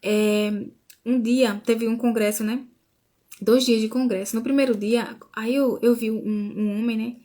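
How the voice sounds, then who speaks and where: A woman's voice: fairly high pitch, fairly even intonation, measured pace, warm tone. Chatty woman testifying on a live stream. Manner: informal, with frequent restarts and "né?". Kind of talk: casual religious live stream talk.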